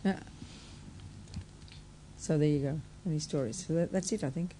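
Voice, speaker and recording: A woman Buddhist teacher with a husky, rough, deep voice, telling a story to a live audience in a plain, conversational way. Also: normal speed, warm tone, a little hiss or hum. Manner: plain, conversational, tags phrases with "you know".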